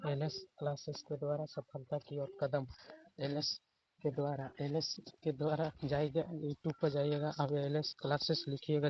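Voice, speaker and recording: A man's voice: fairly high pitch, lo-fi sound. A man teaching an online spoken English class, repeating his prompts often and spelling example words letter by letter. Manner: repetitive, keeps saying "dekhiye" and "theek hai".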